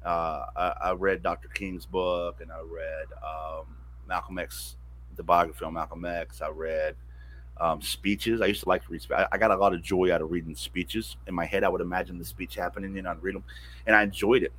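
A man's voice: low voice, little pitch movement, brisk, fairly bright tone, a little hiss or hum. A man telling a personal story as an interview guest, candid and profane, often restarting sentences. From American South, mountains.

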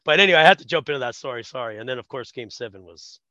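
A man's voice: mid-range voice, racing, dry recording, highs cut off. A man co-hosting a podcast, telling a story in casual chat and laughing often. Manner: animated, laughs often, acts out quotes. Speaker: podcast co-host.

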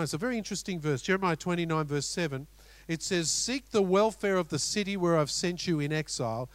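A middle-aged Australian man preaching a sermon as pastor, animated, with rhetorical questions and storytelling asides. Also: sits high, no echo.

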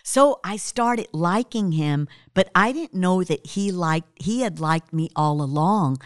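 A woman's voice: lowish voice, animated, a little slow, no echo, clean studio sound. A woman, telling the story of her life in an interview and laughing often.

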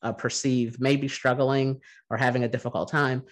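A man hosting a podcast interview, relaxed and halting with many fillers. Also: medium pitch. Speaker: podcast host. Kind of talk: casual interview.

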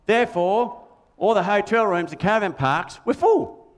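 In his performance of Big Red, the cheeky, toy-mad Australian-accented puppet of a church children's show, a man uses a high voice with lively intonation and a moderate pace. Big Red is bouncy, silly, easily confused, sings, and has a cheeky, confused mood.

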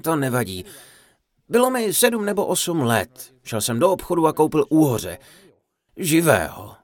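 A man giving a humorous dharma talk, telling a funny story in an animated, playful way. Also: on the high side. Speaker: Czech voice-over of a Buddhist teacher's talk.

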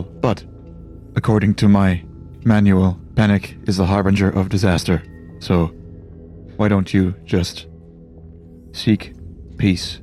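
Man doing a flat emotionless android. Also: fairly low pitch, lightly acted. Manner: flat, emotionless, formal machine-like phrasing. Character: flat emotionless male android crew member. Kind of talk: tabletop roleplay in character.

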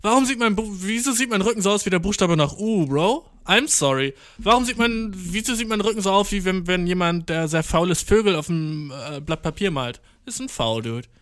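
A young man doing a rambling comedic monologue, full of swearing and English slang, jumping from mumbled asides to excited outbursts. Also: high voice, fairly quick, hardly any pauses, no echo, clean studio sound. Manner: slangy, profane, mixing English words into German; jumps from deadpan mutters to excited outbursts.

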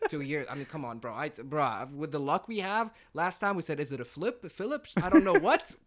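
A man's voice: fairly high pitch, lively intonation, fairly quick. A young man co-hosting a podcast in casual, slangy, jokey banter. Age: young adult. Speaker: podcast co-host.

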